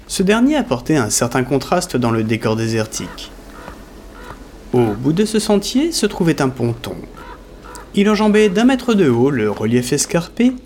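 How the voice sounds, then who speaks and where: A man's voice: medium pitch, darkish tone, slight background noise. A man narrating a scripted audio story in a dramatic storytelling manner.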